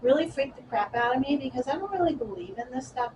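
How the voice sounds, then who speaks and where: A woman recounts a scary encounter in a lively, self-mocking way. She sounds distant from the microphone, with heavy background noise. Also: high voice, fast, highs cut off. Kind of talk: casual storytelling.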